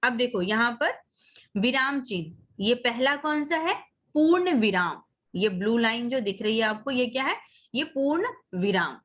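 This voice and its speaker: A woman teacher giving an online lesson, reading example sentences slowly and calling the children "beta". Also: a little high, expressive, a bit bright. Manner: coaxing, addresses children as beta. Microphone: video call.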